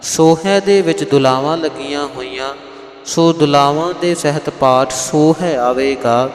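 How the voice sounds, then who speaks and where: A man with a Punjabi accent teaching scripture pronunciation. He chants verses slowly and then explains them plainly. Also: on the high side, reverberant, long reverb tail, faint music behind. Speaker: Sikh scripture recitation teacher. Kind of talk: slow scripture pronunciation lesson with chanted lines.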